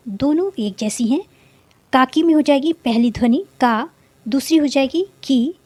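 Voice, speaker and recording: A young adult woman teacher explaining a children's lesson, drawing out each syllable slowly. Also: fairly high pitch, a little mellow, no echo. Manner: slow, drawn-out syllables for young learners.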